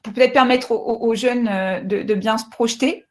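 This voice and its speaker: A woman's voice: on the high side, steady tone, moderate pace, a little mellow. A woman interviewer asking questions with hesitations and restarts.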